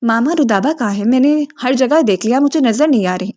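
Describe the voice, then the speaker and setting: A woman's voice: fairly high pitch, a little mellow, natural voice. A woman voicing a possessive, impatient young husband in a storybook reading. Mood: insistent.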